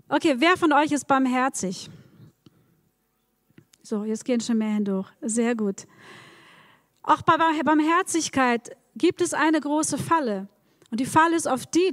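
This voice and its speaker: A woman's voice: sits high, dry recording, clean studio sound, long reverb tail. A woman preaching a sermon, speaking straight to her congregation with encouraging words and frequent repetitions. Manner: encouraging, addresses the congregation directly, repeats words.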